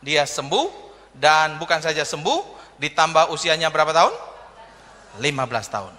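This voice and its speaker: Recorded in a hall with long reverb, this male pastor jokes his way through a sermon, telling stories and voicing the people in them. He sounds a little high, expressive and sharp, speaking at a moderate pace.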